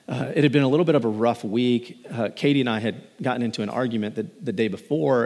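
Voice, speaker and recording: A man in his thirties delivers a sermon from a church sanctuary, his voice trailing off into a long reverberant tail. He moves between easy, personal storytelling and louder, higher readings of scripture. His pitch sits in a middle range for a man. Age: 30s. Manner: storytelling, rising loud and high when reading scripture. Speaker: pastor.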